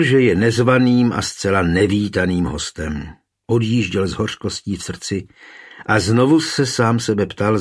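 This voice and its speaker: Guy narrating an audiobook, low husky voice, steady storytelling. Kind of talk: scripted narration.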